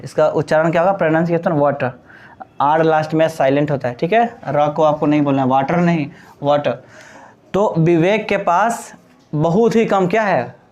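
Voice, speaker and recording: Fairly high in pitch, the teacher comes through a lo-fi recording carrying a faint hiss or hum. He teaches English grammar to a class, switching between Hindi and English terms, and works through the material by asking questions he then answers himself.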